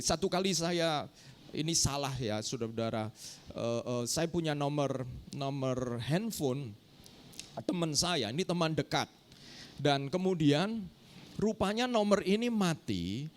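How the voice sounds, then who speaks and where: A middle-aged man preaching a sermon as pastor, telling a story and often turning to address the congregation directly. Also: sits high. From Indonesia.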